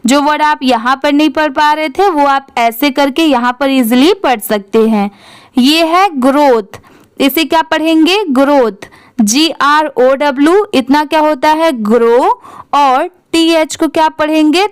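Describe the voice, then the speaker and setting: A woman's voice: sits high, no echo. A woman with an Indian accent teaching English reading, patiently spelling words out letter by letter and asking questions. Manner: reads English text very slowly, word by word. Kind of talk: slow spelled-out reading lesson.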